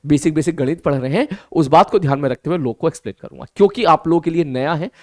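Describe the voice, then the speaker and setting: A male teacher with a high voice, talking through a maths lesson in a lively way and voicing his students' replies himself. He slows right down to spell out new terms. The sound is dry and close, with no room echo. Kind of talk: online math lesson.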